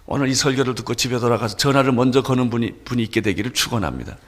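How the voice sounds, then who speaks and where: A man preaching a sermon as pastor, with animated delivery that swings between loud emphasis and soft asides. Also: medium pitch, rapid-fire, long reverb tail.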